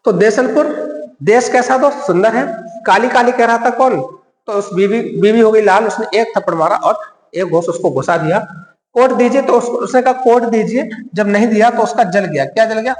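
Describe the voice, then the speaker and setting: A man's voice: high-pitched, moderate pace. A man teaching an exam-prep lesson with memory tricks. He repeats each point, quizzes his listeners, answers himself and keeps calling them friend. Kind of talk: mnemonic-based classroom lecture. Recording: echoey room with long reverb.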